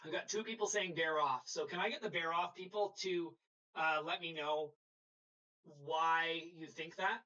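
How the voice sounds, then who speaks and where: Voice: medium pitch, steady tone, normal speed, bright, forceful tone, highs cut off. A sailing instructor giving a live webinar lecture over a video call, explaining patiently and checking in with the class.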